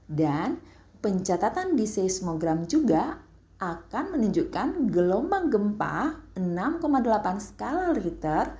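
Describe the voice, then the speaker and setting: A woman teacher explaining a science lesson to her pupils, calm and explanatory, with a North Sulawesi accent. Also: medium pitch, a little slow, reverberant. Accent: Indonesian, North Sulawesi.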